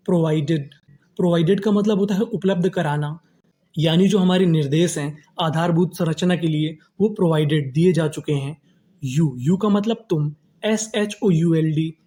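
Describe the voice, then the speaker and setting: A man's voice: high-pitched, dark tone. A man teaching English reading in a voice, spelling words out and translating, repeating each word in question-and-answer drills.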